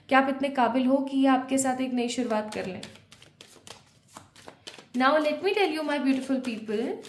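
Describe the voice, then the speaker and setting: A woman with a high voice lays out a collective tarot reading and explains each card to her viewers, calling them her beautiful people. She mixes English phrases into her Hindi as she talks. Her voice carries a roomy echo. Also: slight background noise.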